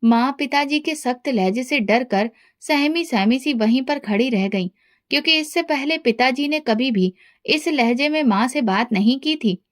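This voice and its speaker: A woman with a high voice narrates a scripted family story. She reads in an even, measured manner, keeping a steady storytelling tone.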